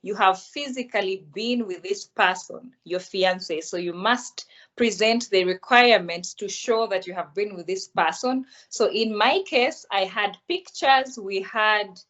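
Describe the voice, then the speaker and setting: A young woman answers interview questions in a calm, explanatory way. Her voice sits at a middle pitch. She is heard through dull, lo-fi video-call audio. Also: measured pace. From Uganda. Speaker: guest.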